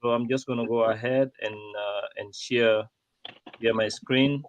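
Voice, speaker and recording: Halting, dry-sounding man hosting a stream. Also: lowish voice, fairly even intonation, no echo. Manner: rambling, halting with many fillers. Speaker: host of a live-streamed show. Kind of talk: casual live-stream hosting.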